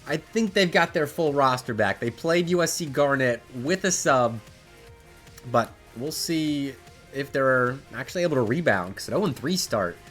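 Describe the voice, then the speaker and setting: A man's voice: mid-range voice, animated, normal speed, a bit bright, faint music behind. A man with a nasal, stuffy voice from allergies, chatting casually as he opens an esports match stream from his desk setup. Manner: chatty, rambling, frequent restarts. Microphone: desk microphone at a home streaming setup.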